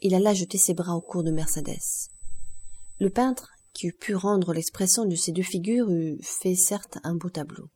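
Husky, mellow woman audiobook narrator. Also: fairly low pitch. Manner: measured, expressive reading.

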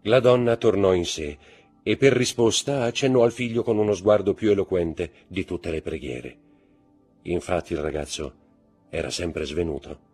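A man reading a classic novel aloud in expressive, dramatic narration that swings in pace and volume. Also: low-pitched, normal speed, slightly rough, soft background music. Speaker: audiobook reader.

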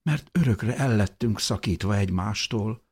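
A man reading an audiobook, voicing a gentle, sorrowful young woman who speaks softly and half whispers. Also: on the low side, slightly rough, voice pushed up. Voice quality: soft, whispery.

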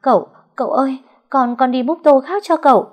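A woman's voice: medium pitch, slow, mellow, pitched above the performer's own voice. A woman voicing a frightened young servant girl who stammers in panic in an audio story. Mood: terrified.

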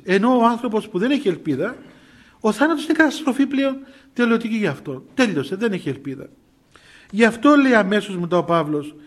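A middle-aged man, a priest giving an informal sermon full of stories, chuckling often and restarting his phrases. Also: high-pitched. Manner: storytelling, chuckling often, many fillers and restarts. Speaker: priest giving a spiritual talk.

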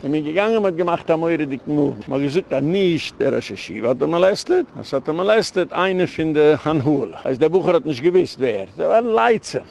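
A man's voice: fairly high pitch, animated, brisk, gravelly, few pauses, darkish tone. A man, a rabbi, delivering a heated, rambling lecture in an emphatic way, dropping English words into his speech.

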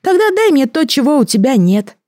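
A woman reading an audiobook, voicing a small, bony male water creature with a bubbling voice and odd, halting speech. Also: high-pitched, sing-song, warm tone, dry recording, clean studio sound, pitched above the performer's own voice. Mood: solemn, bargaining. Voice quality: gurgling. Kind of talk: audiobook character voice.

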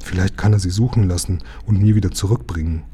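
A man reading aloud, voicing an eager, excited young boy who calls out to his friend. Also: deep voice, fast, slight background noise, natural voice.

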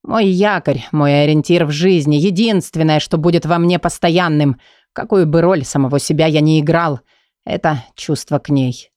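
A man's voice: normal speed, darkish tone, no echo, studio quality. Brooding male audiobook narrator. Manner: brooding, intense, low and intimate. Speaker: audiobook reader. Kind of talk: first-person romance narration.

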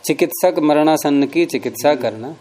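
A man teaching a grammar lesson, repeating word forms slowly and explaining rules step by step. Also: fairly high pitch, warm tone, a little hiss or hum.

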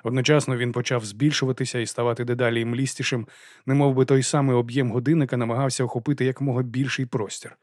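A man's voice: mid-range voice, flat delivery, fast talker, darkish tone, dry recording, studio quality. Man narrating an audiobook. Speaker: audiobook reader. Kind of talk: scripted narration.

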